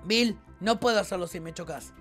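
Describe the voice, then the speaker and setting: A young man with a Rioplatense Spanish accent giving excitable let's-play commentary, yelping and shouting at the game. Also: high-pitched, brisk, soft background music. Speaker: gaming video host.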